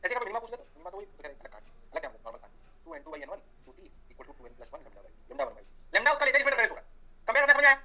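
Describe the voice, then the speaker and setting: A man's voice: high-pitched, racing. A man teaching physics, firing questions and answering them himself. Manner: energetic, asks questions and answers them himself, voices the students' replies. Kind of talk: lively classroom lecture.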